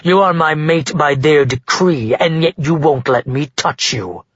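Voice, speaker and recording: In an audiobook reading, a man voices a stern, powerful father who speaks coldly and growls, full of cold anger and emotionless. His voice is fairly high, unhurried, and breathy-edged. The recording is dry and the audio dull.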